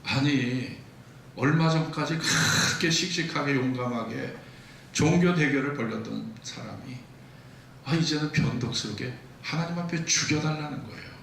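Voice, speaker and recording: A man's voice: medium pitch, normal speed, creaky, a bit bright, a little hiss or hum. A male pastor preaching a sermon, retelling stories vividly in a church sanctuary. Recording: echoey church hall, distant mic.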